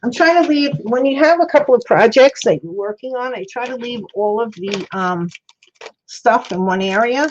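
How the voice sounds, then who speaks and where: A woman's voice: on the high side, moderate pace, muffled recording, a little hiss or hum. A woman with slightly mushy, toothless articulation, chatting casually and thinking aloud as she hosts a craft livestream. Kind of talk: casual chat while demonstrating crafts. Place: indoor craft worktable.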